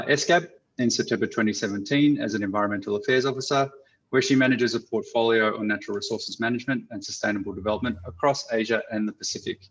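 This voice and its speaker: A man moderating an online panel, speaking in a measured, halting way with many fillers over a video call. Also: on the low side, fairly bright tone. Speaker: webinar moderator. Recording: muffled lo-fi audio.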